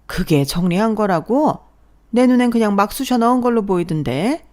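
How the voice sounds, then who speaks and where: A woman's voice: mid-range voice, expressive, normal speed, darkish tone, pitched above the performer's own voice, natural voice. A woman voicing a nagging, sarcastic older mother-in-law who scolds as she speaks. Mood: scolding.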